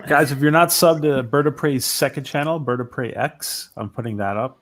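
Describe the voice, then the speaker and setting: A man's voice: medium pitch, moderate pace, fairly bright tone. A man hosting an online chat show casually.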